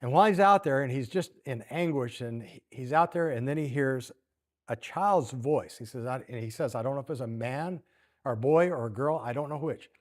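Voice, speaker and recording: A man preaches at church with a middle-pitched voice. He tells the story in a relaxed way, asking the room questions as he goes. He reads passages aloud now and then. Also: brisk. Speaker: church teacher. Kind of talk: sermon.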